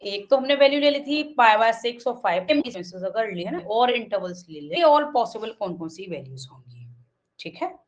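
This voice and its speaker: A woman with an Indian accent teaching an online math class. She reads English lines slowly and explains them in Hindi, with many fillers and frequent checks of "okay". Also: a little high, sing-song, highs cut off. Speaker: math tutor.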